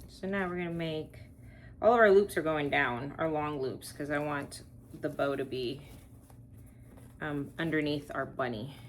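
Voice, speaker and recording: With slight background noise, a low-voiced woman speaks at a measured pace. She hosts a casual wreath-making tutorial from Texas, chatting and thinking aloud as she works, with rambling asides.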